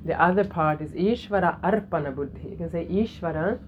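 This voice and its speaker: A middle-aged woman teaching a yoga lesson in a gentle way, repeating key phrases and laughing softly now and then. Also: on the low side, fairly quick, narrow, tinny audio, noisy background. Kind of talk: spiritual lesson to a class.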